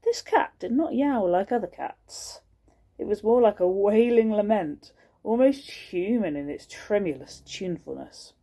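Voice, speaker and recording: Mellow-voiced woman reading a story aloud. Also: mid-range voice. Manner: expressive, pauses to show pictures.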